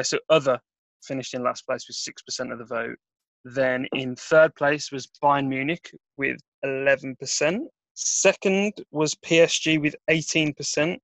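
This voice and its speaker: A man hosting a casual football podcast, relaxed and hesitant with many fillers. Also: on the high side, dry recording, poor audio. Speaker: podcast host.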